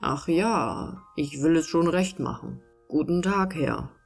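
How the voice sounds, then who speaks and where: A poor, eager farmer man, as a woman reading a storybook puts him on, polite and plain-spoken. He talks in a low, even voice with hardly any change from the narrator's own. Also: takes it slowly, faint music behind, full character voice. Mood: joyful.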